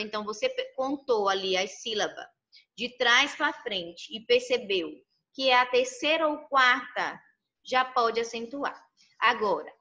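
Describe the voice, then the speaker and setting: A woman's voice: fairly high pitch, bright, forceful tone. A woman teaching a recorded online lesson, explaining step by step and checking in with her students often. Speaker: Spanish teacher. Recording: muffled lo-fi audio.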